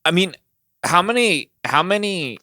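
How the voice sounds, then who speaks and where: A young man co-hosting a casual podcast chat, telling stories in an animated way with lots of fillers. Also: high-pitched, measured pace, no echo, studio quality. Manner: animated storyteller, many fillers. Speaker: podcast co-host.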